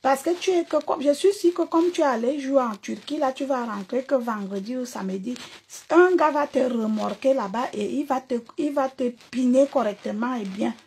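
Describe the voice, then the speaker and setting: A woman's voice: sits high, moderate pace, darkish tone, husky. A woman singer delivering an angry, mocking social media rant, hurling repeated insults. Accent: Cameroonian.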